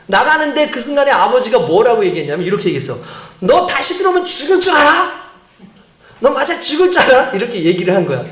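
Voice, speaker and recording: Animated pastor telling a story in an echoey church. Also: male voice. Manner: animated, acts out quoted voices with big pitch jumps. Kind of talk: sermon with storytelling. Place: church sanctuary.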